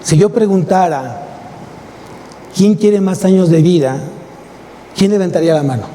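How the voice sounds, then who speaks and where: In a church sanctuary, a pastor with a Mexican Spanish accent delivers an emphatic sermon, posing rhetorical questions to his congregation. His voice is high-pitched and warm, and he speaks a little slowly. The recording carries the long reverb of a church hall and some faint noise.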